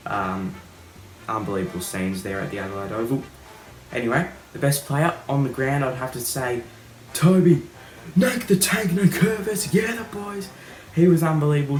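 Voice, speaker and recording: An Australian man with a slightly low voice talks footy like a mate on a podcast. He is blokey and enthusiastic, full of slang. The room echoes around him, with faint music behind. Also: fairly bright tone. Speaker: podcast co-host. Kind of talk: casual sports chat between mates. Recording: roomy echo, faint music.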